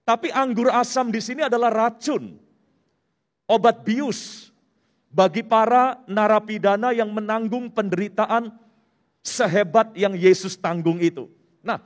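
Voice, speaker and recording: A man preaching a sermon in a church, explaining a word step by step and mixing in English terms. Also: high voice. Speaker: pastor. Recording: long hall reverb.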